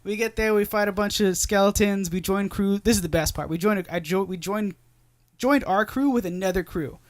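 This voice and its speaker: A man with a high speaking voice hosts a loose gaming chat, animated and quick to laugh. The sound is dry and close, with no room around it. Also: dry recording. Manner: animated, laughs often, thanks followers. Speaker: podcast host. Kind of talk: casual chat.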